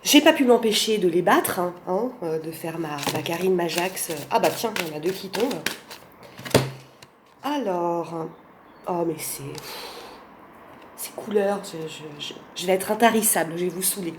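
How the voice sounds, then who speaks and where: In a casual vlog, a woman with a lowish, expressive voice speaks French with a Portuguese accent at a normal pace, gushing about oracle cards. She reviews them effusively, full of fillers and restarts. The home recording sounds roomy, with faint background noise.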